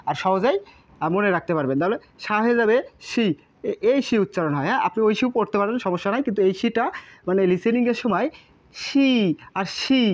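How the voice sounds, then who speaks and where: Patient female teacher with a Bangladeshi accent, mid-range voice, repeats each syllable slowly; dull lo-fi recording. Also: mid-range voice. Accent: Bangladeshi Bengali. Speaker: language teacher. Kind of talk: explaining at a board.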